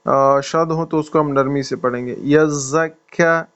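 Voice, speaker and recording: A man's voice: medium pitch, steady tone, a bit bright, smooth, highs cut off. A man teaching Quran recitation in an online class, patiently correcting pronunciation step by step. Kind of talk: online tajweed lesson. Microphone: video call.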